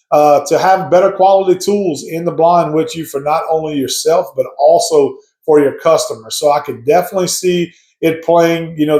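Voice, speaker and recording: A man's voice: a little high, a little mellow. A man talking casually to viewers in a conversational, explanatory way, sharing his opinion as a hobby hunter. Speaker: hobby duck hunter giving advice to viewers. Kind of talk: casual opinion talk to camera. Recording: echoey, roomy sound.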